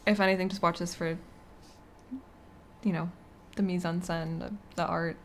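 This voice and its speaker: A woman co-hosting a podcast, chatting casually about movies in a soft, hedging way. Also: lowish voice, level tone, moderate pace, a little hiss or hum. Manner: soft-spoken, trails off, hedging. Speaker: podcast co-host. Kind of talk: casual movie review chat.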